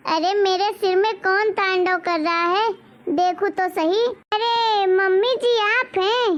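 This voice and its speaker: A woman's voice: very high-pitched, a bit bright, full character voice. A woman voicing a rude, defiant young daughter-in-law in a cartoon story, talking back in a sassy, bossy way. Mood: irritated.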